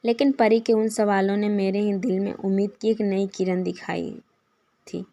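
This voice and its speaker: A woman's voice: medium pitch, flat delivery, normal speed, creaky, warm tone. Woman telling an emotional story. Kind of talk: first-person story narration.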